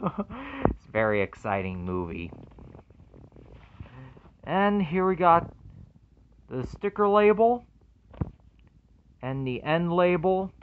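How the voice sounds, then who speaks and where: A man unboxing a movie collection in casual commentary, earnestly excited, reading the labels aloud and calling each one very amazing. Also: lowish voice, narrow, tinny audio.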